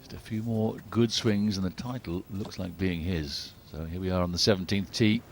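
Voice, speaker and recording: Man, low pitch, live golf commentary, measured, understated, conversational, faint background noise.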